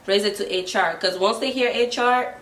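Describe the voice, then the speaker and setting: Speaking at normal speed in a mid-range voice, a Ghanaian-accented guest in her twenties earnestly offers advice during a relaxed chat. A crowd can be heard behind her, and the distant mic makes the sound roomy.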